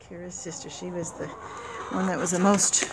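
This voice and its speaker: A woman's voice: lowish voice, little pitch movement, normal speed. A woman keeping backyard chickens, chatting casually and unhurriedly as she walks the yard and talks to her hens. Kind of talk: casual walk-along narration. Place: outdoor yard and chicken pens. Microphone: handheld camera. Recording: noisy outdoor camera audio.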